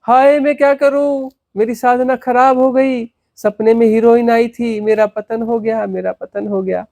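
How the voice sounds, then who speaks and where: A man's voice: very high-pitched, steady tone, measured pace, a little mellow, no room sound, pitched above the performer's own voice. A man mimicking a fretful young male seeker who laments melodramatically in a raised, whiny voice. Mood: anxious.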